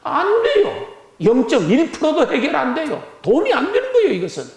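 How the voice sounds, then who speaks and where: A man's voice: extremely high pitch, huge pitch swings, a little fast, vocal fry, reverberant. A male pastor preaching a Sunday sermon, emphatic, with rhetorical questions and phrases repeated for emphasis. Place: church sanctuary.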